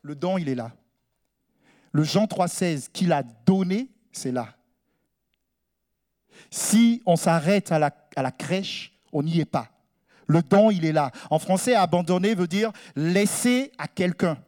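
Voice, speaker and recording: A man preaching a sermon, asking his congregation questions and repeating refrains. He drops to hushed low phrases, then lifts into raised, almost sung lines. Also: expressive, slow pace.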